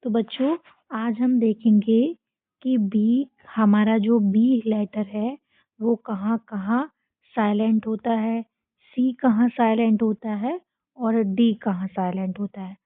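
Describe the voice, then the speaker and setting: A woman with an Indian accent teaching a children's phonics lesson, drilling words slowly and asking the children to repeat after her. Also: a little high, fairly even intonation, no room sound. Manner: slow, drilling repetition with call-and-response questions. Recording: tinny, phone-like dry sound.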